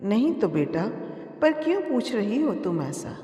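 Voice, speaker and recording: Woman voicing a gentle old father-in-law. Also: medium pitch, big pitch swings, unhurried, muffled recording, faint music behind. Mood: tender. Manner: affectionate, reassuring. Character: kind elderly widowed father-in-law, gentle. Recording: echoey room, far from mic.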